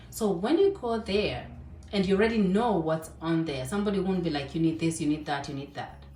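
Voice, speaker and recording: A woman's voice: mid-range voice, darkish tone. A woman from Kenya giving casual advice in a chatty way, full of fillers and asides. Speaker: vlogger. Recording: echoey room, voice a bit distant.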